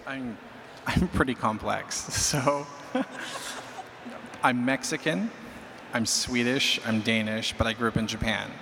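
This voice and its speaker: On a large conference hall stage, a man speaks into a handheld mic during a panel discussion, talking casually and somewhat ramblingly with some laughter. His voice is medium-pitched and slow-paced, and the recording carries hall reverb and clear crowd-room noise.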